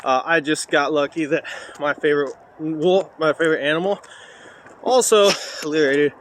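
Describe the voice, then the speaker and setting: In a casual talking-to-camera vlog, a parkour coach walks an outdoor trail hauling a heavy sandbag, rambling with plenty of "uh"s into a cheap handheld phone. His voice is a little high and a bit bright, at normal speed, with slight background noise.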